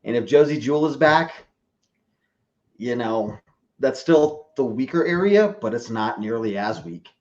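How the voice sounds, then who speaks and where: Heard on lo-fi sound, this guest speaks at a measured pace in an expressive, medium-pitched voice. A fan of the team, he's on a sports podcast offering casual, wandering football analysis, hesitating often and correcting himself.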